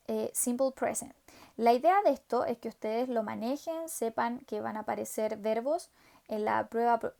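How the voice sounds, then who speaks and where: A woman teaches an English grammar lesson in a somewhat high voice. She explains slowly and patiently, repeating the examples and pausing to ask whether her students are following. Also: vocal fry, dark tone. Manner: patient, repetitive, checks understanding with "¿ya?". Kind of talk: recorded online class explanation.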